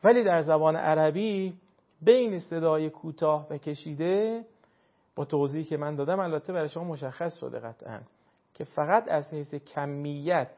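A man with a fairly high voice gives a Quran reading lesson, explaining each step in a measured, deliberate way. He slows down and draws out key words when he stresses a point. The recording sounds muffled and low-fidelity. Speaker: Quran recitation teacher.

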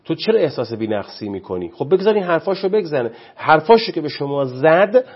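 A man's voice: fairly high pitch, very animated, slightly rough, muffled recording. A man speaking as a guest on parenting, preachy and impassioned, often quoting scripture. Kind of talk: animated studio talk.

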